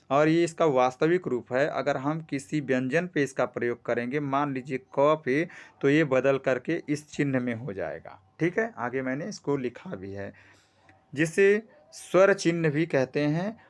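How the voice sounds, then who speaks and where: Guy teaching grammar, bit high voice, slow careful explaining, keeps saying theek hai. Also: expressive. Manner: explains slowly with frequent "ठीक है" checks; drawn-out vowels when demonstrating sounds. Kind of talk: Hindi grammar lesson.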